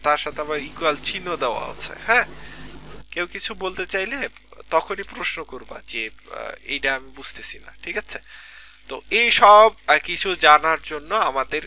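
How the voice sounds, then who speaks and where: A man's voice: fairly high pitch, bright, forceful tone, slight background noise. A man teaching a live online class from a computer mic, explaining step by step and checking in with students often, with a Bangladeshi Bengali accent. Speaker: lecturer.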